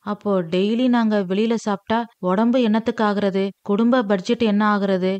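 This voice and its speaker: A woman's voice: medium pitch, fairly even intonation, normal speed, darkish tone, dry recording, close to an everyday voice. A woman voicing a grown son who speaks bluntly and curtly to his wife and mother. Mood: annoyed. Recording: dry, slightly dull lo-fi.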